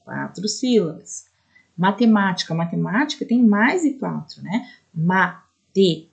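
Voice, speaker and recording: A woman's voice: mid-range voice, big pitch swings, creaky. A woman teacher with a Brazilian accent, explaining a recorded lesson for adult students and often checking in with "né?". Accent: Brazilian Portuguese. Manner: explanatory, frequent "né?" checks, spells out syllables slowly.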